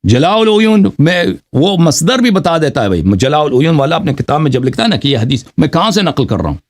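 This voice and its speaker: A man's voice: a little high, big pitch swings. A man arguing in a heated religious debate on a live call-in show, pressing the same pointed questions again and again. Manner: insistent, repeats pointed questions.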